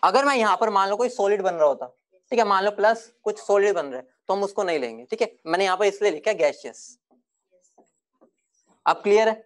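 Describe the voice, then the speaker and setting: A man teaching a chemistry class, casual and repetitive, often telling students to be quiet. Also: high-pitched, fairly quick. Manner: chatty, repeats himself, hushes the class. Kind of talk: classroom lecture.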